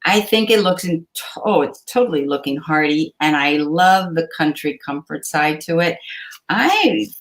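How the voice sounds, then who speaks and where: A woman's voice: deep voice, lively intonation, a little slow. A woman giving an enthusiastic, thorough food critique as a judge over a video call. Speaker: cooking judge.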